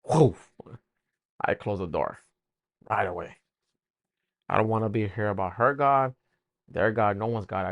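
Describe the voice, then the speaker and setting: A man telling his personal faith testimony, emotional and halting, often repeating words as he speaks. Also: on the low side, no room sound, muffled recording.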